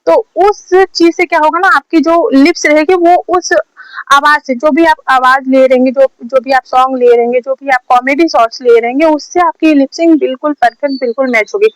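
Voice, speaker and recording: A woman's voice: sits high, steady tone, moderate pace, no room sound, rough recording. A woman from India casually teaching short-video lip sync, repeating her points again and again, recorded at home on a phone set on a stand. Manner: chatty, repetitive, drills points over and over. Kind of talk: casual tutorial talk.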